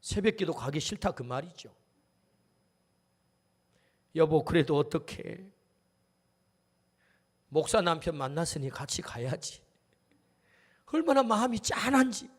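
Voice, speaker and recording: A man's voice: fairly high pitch, big pitch swings, measured pace, pauses often. A male pastor preaching a sermon in a church, talking animatedly and putting questions straight to the congregation. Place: church sanctuary. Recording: long reverb of a church hall.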